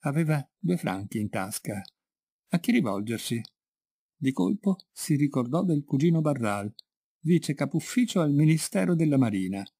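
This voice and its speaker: Husky Italian man reading a story. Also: mid-range voice, warm tone, dry recording, clean studio sound. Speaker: narrator. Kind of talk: literary audiobook reading.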